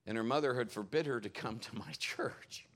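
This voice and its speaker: A man's voice: medium pitch, moderate pace. A man as a pastor, preaching in a church service and telling stories in a conversational way. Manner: conversational, animated retelling with acted-out quotes. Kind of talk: sermon storytelling.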